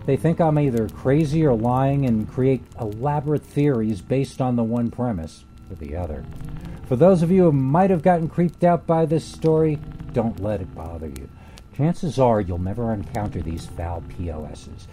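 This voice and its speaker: Brief: male storyteller for a horror tale, deliberate and grave, very warm and dark voice. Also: medium pitch, expressive. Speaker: narrator. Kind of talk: first-person horror story narration.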